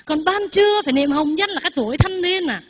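An older Buddhist nun gives a Dharma talk, leading her congregation in call-and-response recitation in a very high, animated voice, talking fast. The recording is dull and lo-fi, with an echoey hall and faint music.

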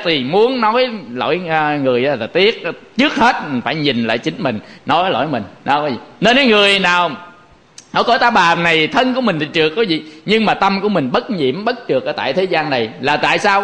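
A Buddhist monk with a Southern Vietnamese accent gives a dharma talk in a folksy, animated way, acting out little quoted exchanges. His voice sits high.

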